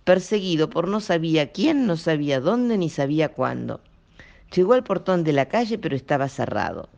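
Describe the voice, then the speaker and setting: A man, reading a children's story aloud as an expressive storyteller. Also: a little high, normal speed, gravelly, lo-fi sound. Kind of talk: audiobook narration.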